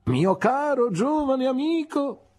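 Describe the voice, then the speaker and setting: Brief: woman doing a grandiloquent ruined gentleman, middle-aged, slow and theatrical, raised high and loud, husky edge. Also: lively intonation, full character voice. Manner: theatrical, declaiming, slow and emphatic. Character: pompous, grandiloquent middle-aged man, genial but ruined. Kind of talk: audiobook character reading.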